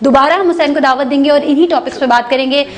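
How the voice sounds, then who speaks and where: A woman with a Pakistani Urdu accent hosting a morning talk show, chatting lively and murmuring agreement often. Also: high-pitched, fast talker. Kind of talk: casual talk show chat.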